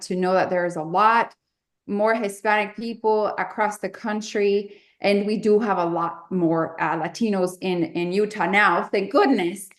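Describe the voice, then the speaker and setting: Woman from Mexico, slow and reflective guest, echoey room sound. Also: mid-range voice. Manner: slow, thoughtful, with many fillers. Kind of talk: interview conversation.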